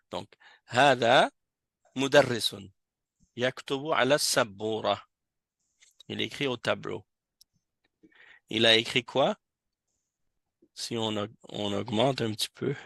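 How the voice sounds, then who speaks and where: A man's voice: medium pitch, creaky, bright, forceful tone, no room sound. A man teaching an Arabic class in French, patiently explaining and correcting students. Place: mosque classroom.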